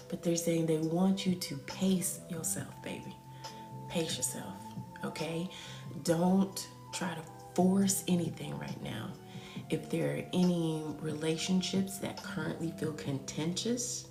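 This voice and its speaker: Low gravelly woman giving soothing spiritual reading. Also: mellow. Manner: soothing, affirming, calls listeners pet names, often half-whispered. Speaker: spiritual reader on a live stream. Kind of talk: live spiritual reading, addressing viewers. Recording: echoey room with music behind.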